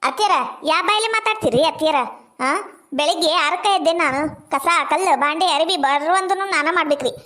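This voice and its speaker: A woman's voice: high-pitched, a little fast, sharp tone. A woman with a North Karnataka Kannada accent playing a cheeky, talkative young daughter-in-law who complains and pleads. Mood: complaining. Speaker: daughter-in-law in a comedy sketch. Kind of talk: village comedy sketch acting.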